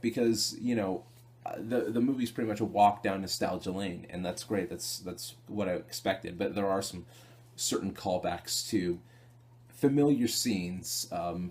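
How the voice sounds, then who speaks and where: A man's voice: on the low side, a little mellow. A man giving a casual spoken film review, rambling with lots of fillers and repeated asides to the viewer. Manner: rambling, filler-heavy, keeps asking "you know what I mean?". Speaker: movie reviewer.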